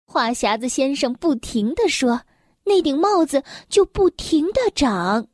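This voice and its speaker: A woman reading a children's story aloud in a gentle, expressive storytelling voice. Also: high voice, unhurried, dry recording, studio quality.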